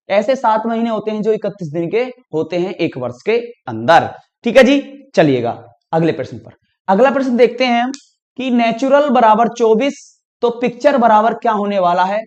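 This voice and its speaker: A reasoning teacher with a fairly high, slightly mellow voice walks his students through exam prep questions step by step, frequently checking they're following and often saying "dekhiyega" and "theek hai ji." The audio is dull and lo-fi, with the highs cut off.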